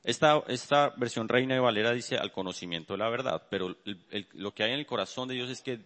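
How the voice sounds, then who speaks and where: A man's voice: mid-range voice, a little fast, a bit bright. A man preaching earnestly, praying aloud and then teaching from scripture to his congregation. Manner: earnest, repeats "Señor" often in prayer. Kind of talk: prayer and bible teaching. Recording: long hall reverb.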